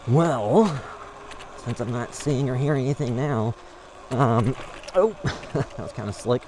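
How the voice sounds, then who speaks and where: A man's voice: mid-range voice, animated, a little slow, lightly acted. Guy playing a skeptical creature hunter, casual hesitant muttering, found footage horror vlog, bit of location noise. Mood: musing, wary. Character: casual skeptical male amateur creature hunter filming himself. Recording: noisy location sound.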